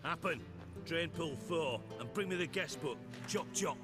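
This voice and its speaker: An actor playing a gruff middle-aged spymaster, brusque, sarcastic and commanding. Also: male voice, fairly high pitch, lively intonation, unhurried, over music. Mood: brusque, scornful.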